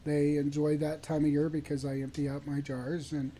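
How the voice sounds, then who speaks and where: A woman co-hosting a radio talk show, chatting in a soft-spoken way. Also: low-pitched, level tone, normal speed. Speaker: radio co-host.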